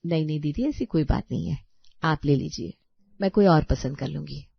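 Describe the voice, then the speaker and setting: A woman voicing a gentle, patient young daughter-in-law in a cartoon story, polite and pleading. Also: low voice, normal speed, vocal fry, slightly rough, exaggerated voice. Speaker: voice actor. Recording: dry, slightly dull audio.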